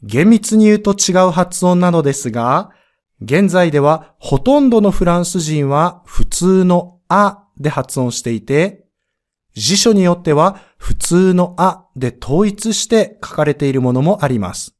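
A man's voice: sits high, lively intonation, measured pace. A man teaching a pronunciation lesson on a podcast, explaining step by step and sounding out letters and vowels to demonstrate them.

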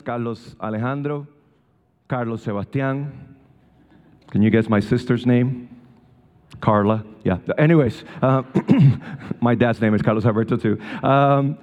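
A man from Rico, giving a sermon as a guest speaker at a church service, telling personal stories with gentle humor. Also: mid-range voice, fairly even intonation, unhurried, long reverb tail, muffled recording. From Puerto Rico.

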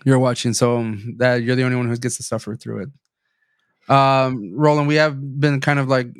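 Young male podcast host, stuffy-nosed, rambling, mid-pitched, dry mic. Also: level tone, moderate pace, smooth, dry recording. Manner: rambling with fillers and restarts. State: stuffy sinuses. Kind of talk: casual chat, reading news aloud.

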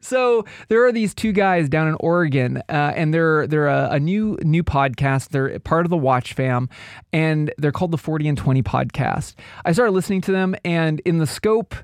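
A male podcast host talks casually in a fairly high voice. He rephrases as he goes, and the sound is dry with no room echo. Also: lively intonation, normal speed, clean tone. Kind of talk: casual chat.

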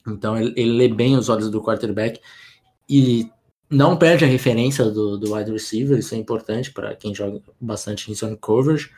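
A man co-hosting a sports podcast, talking in a relaxed, rambling way with many restarts. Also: fairly low pitch, normal speed. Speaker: podcast co-host. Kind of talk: casual sports podcast analysis.

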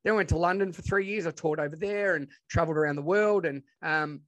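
A man with a broad Australian accent speaks in a slightly high voice. He is informal and enthusiastic, telling stories in a casual, chatty way as a guest being interviewed. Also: fast talker, a bit bright, dull audio. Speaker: podcast guest, educator and presenter.

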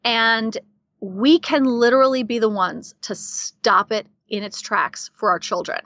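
A woman guest talking in a casual interview, animated, laughing often and leaning on filler words. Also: fairly high pitch, a little slow, dry recording, dull audio. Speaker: guest coach.

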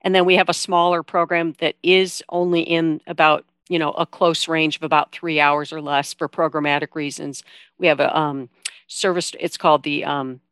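A woman's voice: sits low, fairly bright tone, smooth, no room sound, clean studio sound. A woman giving informal, explanatory answers as a guest in a conversational interview. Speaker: interview guest, veteran coordinator at a nonprofit.

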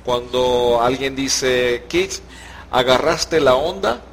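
A Venezuelan man talks through a podcast in an unhurried, patient way. He lays out meanings step by step with examples and laughs easily. A faint noise sits under the recording. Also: medium pitch. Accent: Venezuelan Spanish. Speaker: podcast host. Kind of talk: slow explanatory podcast chat.

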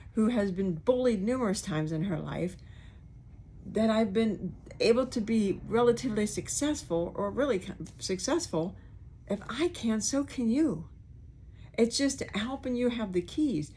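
Woman podcaster with soft R's and S's. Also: mid-range voice, animated, measured pace, breathy edge. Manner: candid, rambling, acts out quoted remarks. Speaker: podcast host. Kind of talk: informal personal monologue.

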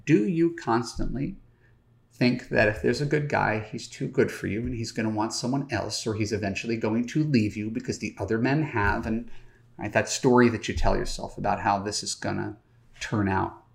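A middle-aged man with a gravelly, mid-range voice, a dating coach, hosts a podcast monologue. He talks directly to listeners in a conversational way, using frequent fillers.

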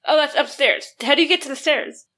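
A woman's voice: high voice, a little fast, bright, forceful tone. A woman playing a tabletop game in casual, partly in-character chat, informal and matter-of-fact.

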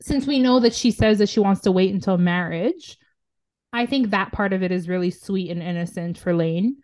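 A woman's voice: mid-range voice, moderate pace, darkish tone. A woman hosting a podcast in casual chat, talking loosely with lots of "um" and "like" and frequent laughter. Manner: chatty, laughs often, many fillers like "um" and "like". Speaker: podcast host.

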